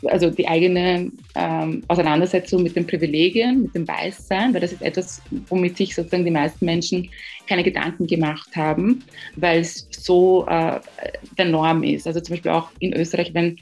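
A woman from Ghana, a guest answering interview questions in a measured, thoughtful way with frequent pauses to find words. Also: fairly low pitch, fairly even intonation, darkish tone, faint music behind. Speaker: guest, education researcher.

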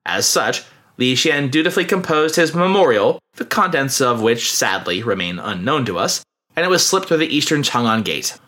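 A man's voice: mid-range voice, expressive, moderate pace, bright, forceful tone. A man narrating a scripted history podcast, with wry, humorous asides.

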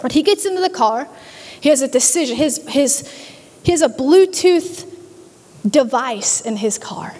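A woman pastor delivers a sermon with a high, bright-pitched voice. She talks in an animated way, stumbling over and repeating words as she acts out quoted voices. The sound carries a long reverb from a large church hall. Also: unhurried.

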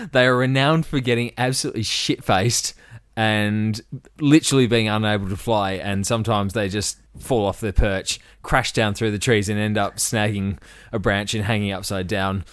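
A man's voice: fairly low pitch, steady tone, normal speed, few pauses, smooth, no room sound, clean studio sound. A man co-hosting a casual podcast, easygoing and fond of puns. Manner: easygoing, punning, chuckling. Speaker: podcast co-host. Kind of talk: casual chat.

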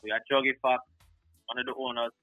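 A man's voice: medium pitch, level tone, fast, dry recording, phone-quality sound, soft background music. A man from Guyana, talking casually in an interview about his work as a sound clash selector and often tagging on "you know what I mean.".

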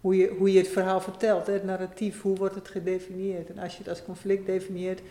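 Interview guest, mid pitch, thoughtful explaining, frequent restarts, roomy echo. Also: completely flat delivery, quick pace, mellow. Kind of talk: conversational interview.

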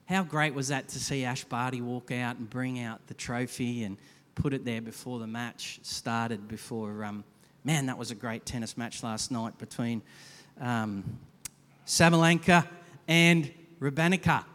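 A man pastor giving a conversational, animated sermon with quick asides to a congregation. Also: mid-range voice. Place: church hall. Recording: long hall reverb.

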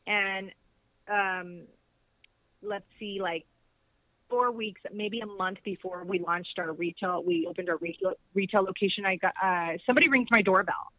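A woman's voice: medium pitch, normal speed, dry recording. A woman from Laredo, Texas, a boutique owner telling long rambling stories as a podcast guest, chatty and full of "like". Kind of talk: casual interview storytelling. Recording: dull, lo-fi, dry recording.

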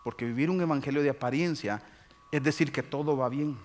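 A man, preaching a lively sermon as pastor and acting out his congregation's excuses. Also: mid-range voice, fairly quick, slight background noise. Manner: animated, mimics churchgoers' excuses.

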